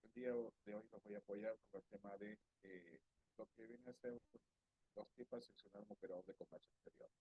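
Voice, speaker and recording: A man's voice: on the low side, fairly even intonation, a little fast, breathy edge, dry recording. A man from Peru, lecturing on customs logistics over a video call. His audio comes through faint, distant and breaking up on a bad connection. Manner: explanatory, with many hedging fillers. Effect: faint, distant, choppy video-call audio. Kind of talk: online lecture. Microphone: computer or headset mic on a video call. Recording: muffled, faraway call audio.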